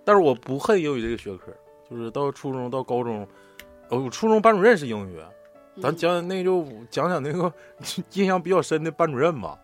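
Northeastern chinese guy chatting on a podcast, swears a lot, pitch jumps all over, a bit high, faint music behind. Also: brisk. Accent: Northeastern Mandarin. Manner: animated, profane storytelling. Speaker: podcast co-host. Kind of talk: casual podcast chat.

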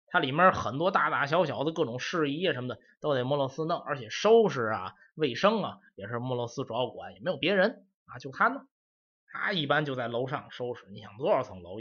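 A man's voice: on the high side, sharp tone. A man telling a comic story in a chatty oral style, with asides to the listeners. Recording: dull lo-fi audio.

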